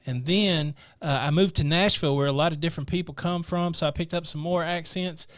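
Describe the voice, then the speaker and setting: Speaking briskly into a studio mic on a boom arm, this co-host, a middle-aged man from the American Midwest, reads viewer comments and chats casually on a live stream. The small room behind him has a purple backdrop; his voice is slightly high and fairly bright, with fairly even intonation and no room sound.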